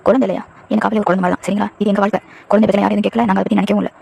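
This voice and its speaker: A woman's voice: medium pitch, little pitch movement, very fast, creaky, darkish tone, slightly rough. A woman voicing a devoted, protective young husband who speaks earnestly. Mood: firm. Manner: earnest, firm in defense of his wife.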